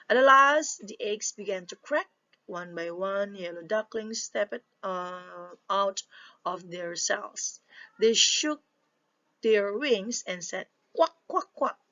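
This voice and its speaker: A woman's voice: mid-range voice, slow, pushed and bright, dull audio. A young woman presenting a storybook to a class from slides, hesitant with many fillers and restarts. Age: young adult.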